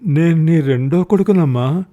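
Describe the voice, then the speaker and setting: A man's voice: a little high, normal speed, warm tone, highs cut off, voice pushed up, close to an everyday voice. A man as an earnest, pleading grown son. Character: grieving middle-aged son, pleading.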